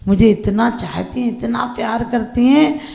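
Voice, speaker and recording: A woman's voice: fairly high pitch, normal speed, vocal fry, warm tone, echoey room. A woman telling of a stubborn young bride. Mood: affectionate. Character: young daughter-in-law, stubborn then softened.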